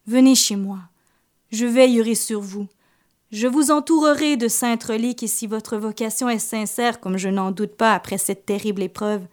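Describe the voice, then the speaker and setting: A woman voicing an old, zealous village priest who shouts urgent commands in a storybook tale. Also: medium pitch, lightly acted. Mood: solemn.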